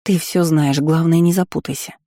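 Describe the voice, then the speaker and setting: A man reading an audiobook voices a young woman friend who speaks in a brisk, encouraging way. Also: fairly high pitch, fairly even intonation, warm tone, dry recording, studio quality, natural voice.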